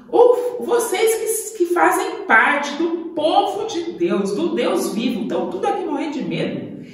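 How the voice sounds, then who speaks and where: A woman doing a brave, indignant young shepherd boy. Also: high-pitched. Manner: excited, indignant, fast bursts. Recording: echoey room, voice far from the mic.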